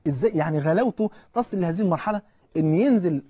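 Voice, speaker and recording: A man with an Egyptian accent giving a colloquial religious lecture as a preacher, telling stories with animation, asking his listeners questions, and reciting scripture slowly and solemnly. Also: sits high, expressive, dark tone, slightly rough, no echo, studio quality.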